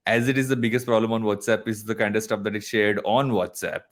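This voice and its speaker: A man's voice: fairly low pitch, steady tone, fast. South Indian man, joking podcast co-host. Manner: joking, hesitant, with repeated restarts. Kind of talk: casual business news chat.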